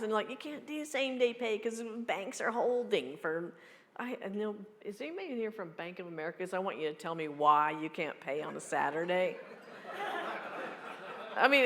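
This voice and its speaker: A woman in her fifties fields audience questions at a live meeting. She talks in a blunt, joking, quick way, and her voice carries a long reverb from the hall. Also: mid-range voice, a bit bright. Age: 50s. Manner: blunt, joking, fast-talking. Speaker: keynote speaker. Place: large hall.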